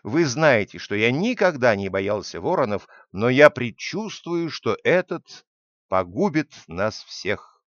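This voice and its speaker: A man reads out a grave male counselor who urgently warns his king. The delivery is forceful and swings widely in pitch. The sound is dull and dry. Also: very animated, slow, no room sound. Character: grave male royal counselor, distrustful and insistent.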